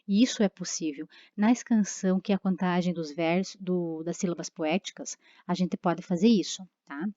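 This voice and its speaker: A woman's voice: fairly low pitch, moderate pace, hardly any pauses, dark tone, no room sound. Woman teaching in a dull recording. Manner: explanatory, many tag questions and fillers. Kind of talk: recorded online lesson.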